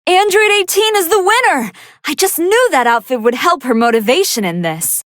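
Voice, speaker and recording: A young female android scientist from an anime fighting game, with a high voice in a dry studio sound. She speaks in formal, scholarly phrases as a commentator, earnest and excitable, with a hunger she struggles to contain. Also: normal speed, dry recording. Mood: excited, admiring.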